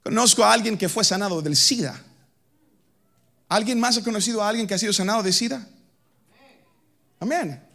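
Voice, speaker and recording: A man from the Dominican Republic delivers a fervent sermon in a strikingly high, bright and ringing voice. He swings between shouted lines and sing-song chanting, and he keeps turning to the congregation as his brothers. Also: normal speed, vocal fry, pauses often. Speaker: preacher. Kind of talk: preaching sermon.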